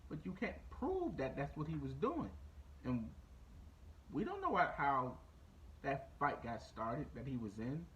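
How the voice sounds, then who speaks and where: A man hosting a podcast, ranting casually and profanely, repeating his points and jumping high in pitch when incredulous. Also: big pitch swings, unhurried, a bit bright, highs cut off, slight background noise. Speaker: podcast host. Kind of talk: casual opinion rant.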